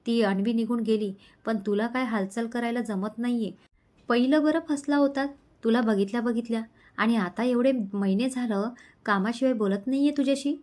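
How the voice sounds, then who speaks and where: A jealous, frustrated young woman, as a woman storyteller reads her. She complains irritably, and her voice is a little high. It is a spoken storybook romance. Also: moderate pace, darkish tone, close to an everyday voice. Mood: irritated.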